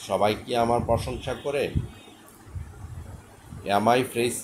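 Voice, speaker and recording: A man with a Bengali accent teaching English, reading each sentence very slowly and then translating it. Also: medium pitch, steady tone, noisy background. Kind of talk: slow drilled language lesson.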